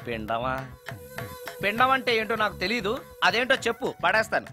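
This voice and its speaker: An actor playing a comic lead in a film, animated and excitable, muttering to himself and chanting mock spells. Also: male voice, high-pitched, moderate pace. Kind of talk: film comedy dialogue. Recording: film audio with music.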